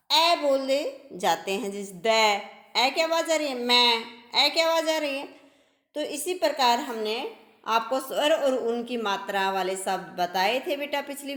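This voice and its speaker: Woman, patient schoolteacher, high bright voice, slow, echoey room. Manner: slow, patient, addresses children as beta. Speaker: teacher. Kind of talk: primary school grammar lesson.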